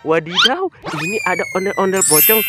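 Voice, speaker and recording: An excited presenter of children's toy videos, exclaiming and repeating catchphrases to young viewers like a party magician. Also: mid-range voice, fairly quick. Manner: exclamatory, repetitive, like a kids' party magician counting and chanting for children. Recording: music behind the voice.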